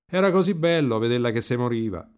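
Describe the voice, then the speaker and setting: A man's voice: medium pitch, animated, fast talker, a little mellow, smooth, pitched above the performer's own voice, lightly acted. A man voicing a cheeky, crude teenage boy with a Roman accent who jeers and swears. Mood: scornful. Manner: jeering, swearing.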